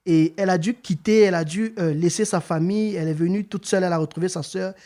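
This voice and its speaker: Talking fast in a high-pitched voice with a dark tone, this man hosts a laid-back podcast interview. He keeps tripping over repeated words and filler phrases, saying "en fait" a lot, yet occasionally swells into a forceful, rallying delivery.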